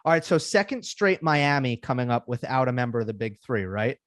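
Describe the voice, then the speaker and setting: A man hosting a casual tennis podcast, relaxed and joking, with lots of ums and uhs. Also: mid-range voice, fairly quick, dry recording, studio quality. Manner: relaxed, filler-heavy, joking. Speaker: podcast host.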